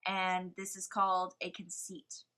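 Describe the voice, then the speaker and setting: A teenage girl co-hosting a casual podcast chat, soft-spoken, gushing and playful. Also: fairly low pitch, monotone, unhurried, clean tone. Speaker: podcast co-host.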